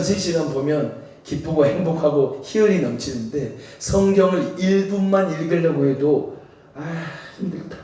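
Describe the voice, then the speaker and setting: Male pastor with a Jeolla Korean accent, conversational sermon full of rhetorical questions, mellow, a bit higher-pitched, heard from far off in a very echoey church. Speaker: senior pastor. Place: church sanctuary. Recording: very echoey church hall, distant mic.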